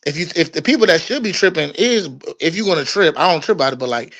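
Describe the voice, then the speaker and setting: Slangy casual man, slightly high voice. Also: lively intonation, fast talker, fairly bright tone, dull audio. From Washington, D.C. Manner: loose, slangy, laughs often. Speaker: podcast host. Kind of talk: casual chat.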